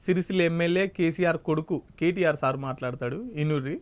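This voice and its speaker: A man's voice: on the high side, fast talker. A man with a Telangana Telugu accent hosting a satirical news segment, mocking and needling in his commentary. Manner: sarcastic, needling.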